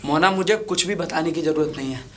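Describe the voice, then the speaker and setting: A man's voice: a little high, brisk, slight background noise, natural voice. A man playing a jilted young lover who angrily accuses a woman for marrying someone else. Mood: angry. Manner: angry, accusing. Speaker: actor. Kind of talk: low-budget crime drama acting.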